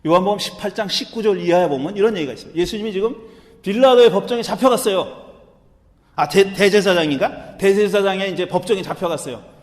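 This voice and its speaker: High-voiced pastor preaching with long reverb. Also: male voice. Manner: conversational, animated, acts out the quotes in character. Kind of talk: sermon.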